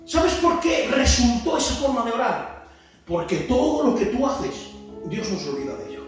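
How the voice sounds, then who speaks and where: High-voiced Spanish preacher, echoey hall. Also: male voice, huge pitch swings, moderate pace. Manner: preaching with rhetorical questions, rising to shouts. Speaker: pastor teaching a discipleship class. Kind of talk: sermon. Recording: echoey church hall from far off, music behind.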